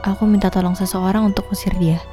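A woman voicing the spirit of a young boy, soft and riddling, with a distant echo as if heard inside the head. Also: medium pitch, fairly even intonation, quick pace, faint music behind. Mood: soothing. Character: ghostly young boy spirit, calm and teasing.

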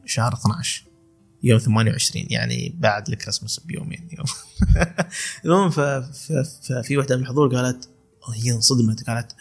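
A calligrapher in his twenties from Khor Fakkan, UAE, speaks with an Emirati Arabic accent as a guest on a casual podcast. His medium-pitched voice has vocal fry and a breathy edge. He tells stories, laughs often, and keeps restarting his sentences.

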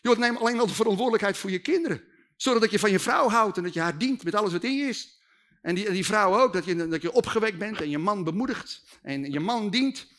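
A man from the Netherlands, preaching a comic storytelling sermon, animated and jokey. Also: sits high, quick pace. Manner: animated, jokey, acting out voices.

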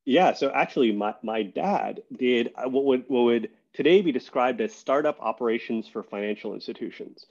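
A man talking as a guest on a podcast, relaxed and thoughtful, with lots of fillers and restarts. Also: mid-range voice, moderate pace, creaky, hardly any pauses, lo-fi sound. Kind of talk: casual interview conversation.

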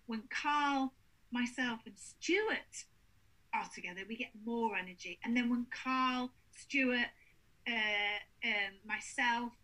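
Lady ghost hunter, high voice, chatty and animated, acts out quotes. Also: slow pace, rough recording. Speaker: paranormal investigator. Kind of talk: casual chat.

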